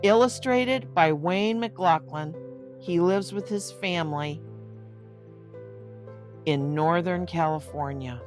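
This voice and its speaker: Slow and given to long pauses, this older woman's low-leaning voice carries a storybook read-aloud she hosts. Between passages she exclaims warmly, talking straight to the children listening. Music sits faintly behind her.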